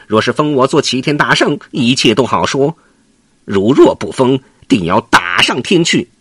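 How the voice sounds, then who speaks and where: A man's voice: mid-range voice, sing-song, moderate pace, a bit bright, husky, no room sound, clean studio sound, voice pushed up. A man voicing a boastful, mocking monkey king in a children's story. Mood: taunting. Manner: mocking, laughing, brash.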